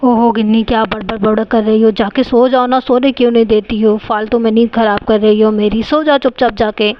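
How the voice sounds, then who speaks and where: A woman's voice: fairly high pitch, fairly even intonation, fairly quick, lo-fi sound, a little hiss or hum, voice pushed down, natural voice. A woman voicing a sleepy boy doll who scolds his little sister irritably. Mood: grumpy. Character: grumpy sleepy boy doll, older brother.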